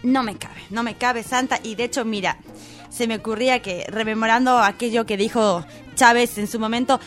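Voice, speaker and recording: A woman's voice: on the high side, fairly even intonation, normal speed, fairly bright tone, soft background music. A woman co-hosting a radio show, delivering a comedic column in a playful, impassioned campaigning tone. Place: radio studio.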